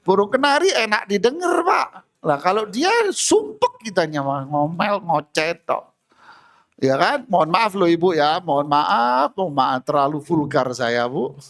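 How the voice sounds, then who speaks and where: Lively humorous male preacher. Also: high-pitched, a little slow. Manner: humorous, acts out everyday scenes. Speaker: Islamic preacher. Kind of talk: sermon. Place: mosque.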